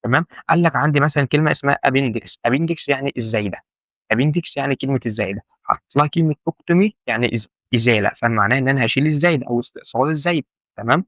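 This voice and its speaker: This medical terminology instructor, a man with an Egyptian Arabic accent, gives an informal lesson, repeating key points and quizzing the listener. His medium-pitched voice races along with a slightly bright tone, and the recording has no room sound.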